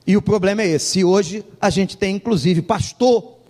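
A man's voice: sits high, normal speed, warm tone, long reverb tail. A male pastor preaching a sermon, telling a humorous story and acting out the dialogue of its people.

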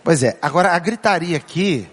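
Playful Brazilian pastor with a raised voice. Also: male voice, a little high, expressive, a little fast, husky. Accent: Brazilian Portuguese. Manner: playful, acts out family voices and jokes with the crowd; asks the congregation questions and repeats key phrases. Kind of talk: humorous sermon to a congregation.

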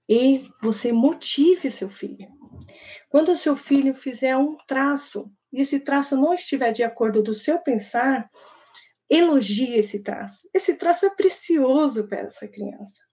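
Animated woman telling a story. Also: high-pitched, a little slow. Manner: animated, acts out voices in her anecdote. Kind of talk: storytelling in a church talk.

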